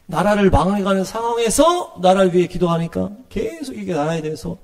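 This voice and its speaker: A man's voice: high-pitched, animated, brisk. A middle-aged male pastor preaching a sermon in a conversational way, with many fillers and acted-out quotes.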